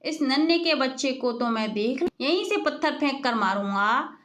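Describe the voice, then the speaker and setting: Lady doing a loud half-deaf village guy, rambles on, high voice, storybook cartoon. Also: lively intonation, normal speed. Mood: boastful. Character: brash half-deaf village young man.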